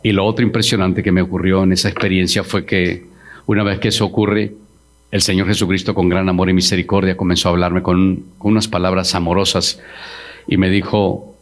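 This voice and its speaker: A middle-aged man, a pastor giving a solemn testimony in a church, slowing down to quote words with emotion. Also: deep voice. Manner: slow, solemn, quoting Jesus with emotion. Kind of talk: testimony sermon.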